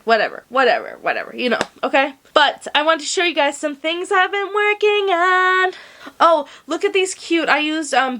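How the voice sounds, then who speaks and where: A young woman with a high, bright-sounding voice chats to her camera from home. She is slangy and casual, swearing offhandedly as she talks. Her voice comes through a plug-in desk mic. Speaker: crochet vlogger.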